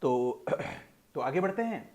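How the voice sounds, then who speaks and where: A man teaching English pronunciation in a video lesson, explaining in a formal tone with Urdu-flavoured words and slowly drawing out each example word. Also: a little high, big pitch swings, darkish tone. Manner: slow, drawn-out model pronunciations between explanations.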